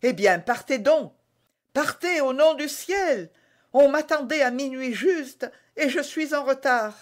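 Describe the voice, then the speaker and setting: A man doing an anxious young Frenchwoman, high. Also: animated, unhurried. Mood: pleading. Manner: pleading, urgent. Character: young woman, secretive, anxious and impatient. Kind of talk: audiobook reading.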